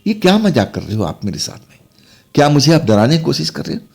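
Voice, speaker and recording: A man's voice: a little high, big pitch swings, fast talker, vocal fry, husky, pitched above the performer's own voice, heavily acted. Man doing a worried young wife. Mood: puzzled.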